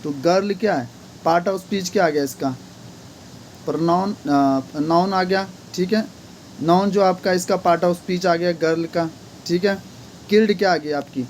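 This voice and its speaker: A man's voice: sits high, measured pace, a little mellow, a little hiss or hum. A man teaching an English grammar lesson, repeatedly asking questions and answering them himself.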